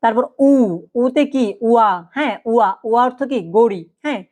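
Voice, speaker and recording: A woman's voice: a little high, a little fast, a little mellow. Woman patiently teaching pronunciation. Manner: explains step by step, repeating words and saying "yes" often. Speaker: language teacher. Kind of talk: spoken pronunciation lesson.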